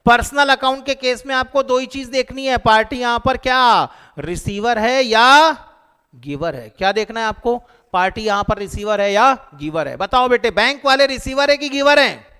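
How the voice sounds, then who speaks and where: A man teaching an accounting lecture to a class, animated and joking as he quizzes his students. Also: extremely high pitch, normal speed, clear, resonant tone. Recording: long hall reverb.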